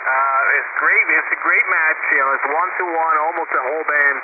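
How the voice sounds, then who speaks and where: A man's voice: fairly high pitch, normal speed. A man chatting casually on an amateur radio net, his voice coming in over a fading shortwave signal, hesitant with many fillers. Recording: noisy narrowband radio reception.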